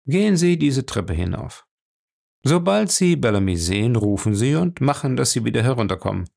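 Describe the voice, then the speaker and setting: A man voicing a brisk, commanding male captain in an audiobook, curt in his orders. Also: medium pitch, sing-song, vocal fry, darkish tone.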